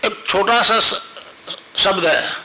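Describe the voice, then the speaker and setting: A man's voice: high voice, slow pace, pushed and bright, poor audio. A man speaking as a spiritual guru to his followers, plain-spoken and repetitive, at times leading the listeners through a chanted mantra.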